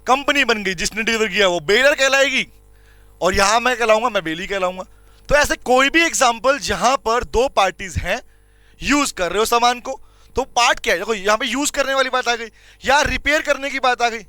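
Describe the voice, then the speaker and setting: A man's voice: very high voice, normal speed, sharp tone, no echo. A middle-aged man with an Indian accent giving a classroom lecture as a commerce law teacher, repeating key points and quizzing students with questions. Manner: calls students "beta" and "bhaiya" fondly.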